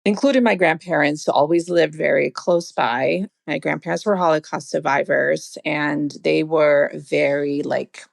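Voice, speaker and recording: A young adult woman from Sweden, a guest on a podcast, tells reflective, warm stories about her family in casual conversation, peppered with "like." Her voice is deep and steady with vocal fry, and she speaks unhurriedly with few pauses. There's no room sound.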